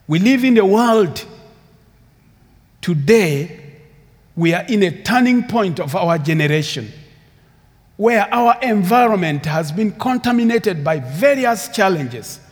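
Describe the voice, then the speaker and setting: Speaking with a Ugandan English accent, a man from Uganda delivers an earnest sermon as a guest speaker in a church sanctuary, repeating phrases and building emphasis. His voice sits high with lively intonation, and he speaks slowly with long pauses. The church hall adds long reverb.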